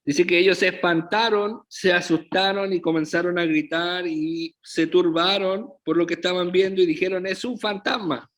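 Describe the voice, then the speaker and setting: A man's voice: high voice, steady tone, fairly bright tone. A man preaching a sermon as pastor, often checking in with the congregation through rhetorical questions. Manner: slow, deliberate preaching with frequent rhetorical check-ins to the congregation.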